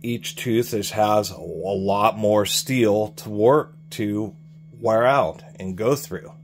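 Guy with a lowish voice rambling about tools at his bench, little bit of hiss behind. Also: slow. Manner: explanatory, rambling with restarts. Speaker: tool reviewer. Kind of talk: casual product review. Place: workshop bench, hands on tools.

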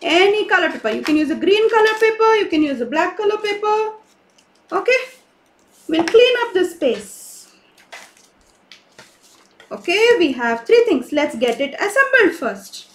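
The woman teaching this live online kids' craft session sounds extremely high and sing-song, a little slow, with long pauses and a faint hiss or hum. Cheerful and coaxing, she keeps questioning the children.

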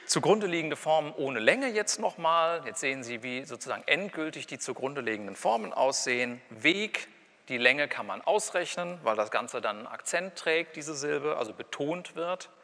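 A man's voice: on the high side, lively intonation, normal speed, sharp tone. A man giving a university linguistics lecture, talking in a conversational way with wry asides and saying example words aloud to show how they sound. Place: lecture hall. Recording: lecture hall with long reverb.

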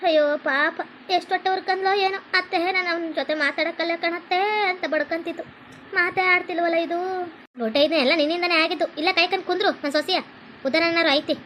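A woman's voice: extremely high pitch, fairly even intonation, fast talker, bright, forceful tone, slight background noise. A woman playing a nagging village mother-in-law. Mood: scolding. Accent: North Karnataka Kannada. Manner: scolding, nagging.

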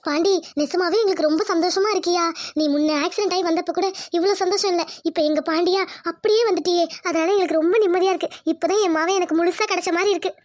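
A caring cartoon mother, voiced by a woman, gentle but firm as she calms her family. The voice sits very high and moves quickly. It is recorded dry and close. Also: dry recording. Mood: soothing. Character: worried caring middle-aged mother, soothing. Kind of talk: cartoon dubbing.

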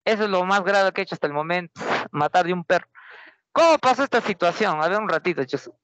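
High, bright-voiced Peruvian teacher. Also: male voice, fast talker, dry recording, dull audio. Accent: Peruvian Spanish. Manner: lively, chatty, keeps quizzing students with rhetorical questions. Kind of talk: anecdotal storytelling to a class.

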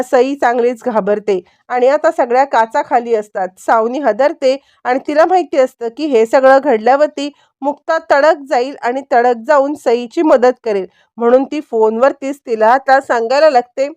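A woman narrating a TV serial episode in a quick storytelling manner, briefly acting out the characters' lines. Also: high-pitched, a little mellow, no room sound. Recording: dry, muffled lo-fi sound.

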